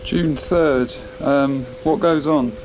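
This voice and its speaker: Direct a slow man, muffled on cassette tape. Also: a little high, fairly even intonation. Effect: muffled lo-fi cassette tape recording. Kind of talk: homemade songs with spoken intro. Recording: dull hissy cassette tape transfer.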